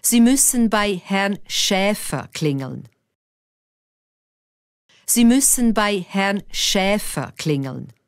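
Slow, careful woman reading lesson dialogue. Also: mid-range voice, animated, dry recording, clean studio sound. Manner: careful, clearly articulated, each line said twice. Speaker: dialogue reader for a language lesson. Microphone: dry studio voice-over.

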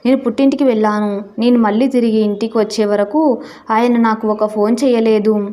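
A woman's voice: a little high, darkish tone. A woman narrating a first-person audio story in an earnest, plaintive way.

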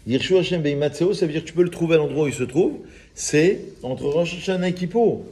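A man, a rabbi giving an informal, lively Torah lesson and joking with his small group of listeners. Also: a little high, brisk. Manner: lively, teasing, chats with listeners. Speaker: rabbi teaching a class.

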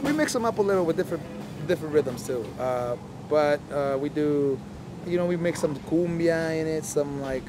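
A man's voice: a little high, normal speed, over music. A man from El Salvador, a punk band member, chatting casually outdoors with frequent laughs. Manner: chatty, laughs often, uses fillers. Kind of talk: casual interview. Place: outdoor festival plaza.

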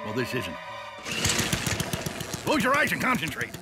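A man's voice: fairly high pitch, huge pitch swings, measured pace. A man voicing an eccentric, sinister animal inventor in a cartoon, eerie and theatrical, with mock-ominous delivery. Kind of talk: cartoon voice acting. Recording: loud music behind.

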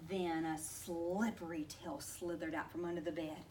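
A woman telling a picture-book story aloud to listeners, expressive and playful. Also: lowish voice, moderate pace. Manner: expressive, with lots of vocal play. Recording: distant mic, faint background noise.

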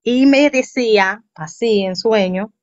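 A woman in her forties recounts her life as a guest in a casual conversation, bringing in quoted voices with lively changes. Her voice sits at an ordinary pitch, with a dry, close sound that is a bit dull and muffled. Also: slow pace, dry recording. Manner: animated, acts out quoted voices. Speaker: interview guest. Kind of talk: storytelling in casual chat.

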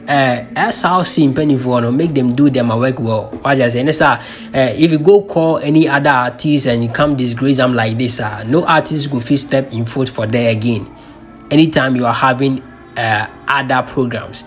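Man, Ghanaian accent, channel host, casual commentary, Pidgin-laced chat, medium pitch. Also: moderate pace, soft background music. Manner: chatty, mixes Pidgin into English.

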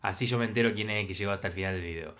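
A man giving live reactions to a football match, breaking into excited shouts at big plays. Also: on the low side, racing.

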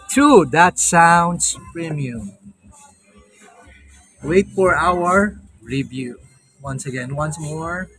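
A Filipino-accented man in his thirties gives a casual, playful product review for a vlog, speaking into a phone camera in an open-air beach hut at night and later inside a tent. His voice is fairly high, fairly bright, and slightly rough.

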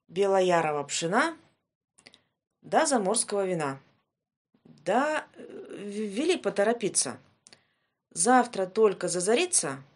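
A woman's voice: mid-range voice, breathy edge, heavily acted. A woman voicing a kind, wise little humpbacked horse in a fairy-tale reading. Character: small kind humpbacked magic pony, wise friend.

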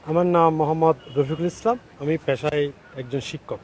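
A man's voice: fairly high pitch, fairly even intonation, a little fast, a little mellow. A man with a Chittagong Bengali accent, answering as a visitor in an informal on-the-spot interview. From Chittagong region, Bangladesh. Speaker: visitor being interviewed, a teacher.

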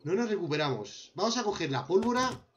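Lively Spanish man narrating gameplay. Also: high voice, fairly quick, muffled recording, a little hiss or hum. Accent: Spain. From Spain. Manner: talks to himself while crafting, addressing viewers as friends. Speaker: gameplay commentator. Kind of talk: casual gameplay commentary.

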